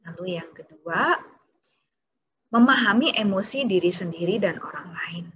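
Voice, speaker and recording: A woman's voice: mid-range voice, lively intonation, a little slow, husky, highs cut off. A woman child psychologist giving a parenting seminar talk, explaining step by step and now and then acting out what a child or parent might say.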